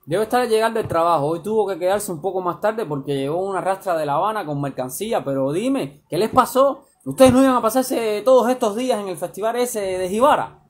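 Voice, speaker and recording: A woman's voice: mid-range voice, lively intonation, a little fast, few pauses, close to an everyday voice. A man voicing a worried, fussing middle-aged mother, firing off anxious questions.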